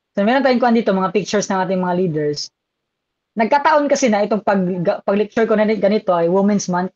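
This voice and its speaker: A man's voice: high-pitched, expressive, moderate pace, a little mellow, no room sound, dull audio. A man with a Filipino accent giving a live online exam review lecture, chatty and switching between languages as he reads out viewer comments.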